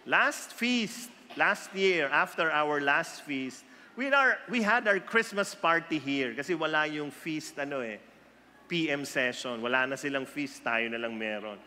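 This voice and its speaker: Male preacher, bright, high-ish, animated storyteller, hall reverb. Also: measured pace, slight background noise. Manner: animated storyteller, jumps high for quoted voices. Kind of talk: sermon mixing Tagalog and English, with acted quotes.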